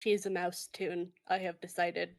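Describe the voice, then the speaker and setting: A woman narrating a tabletop game as game master, halting and full of fillers, laughing often. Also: on the low side, level tone, creaky.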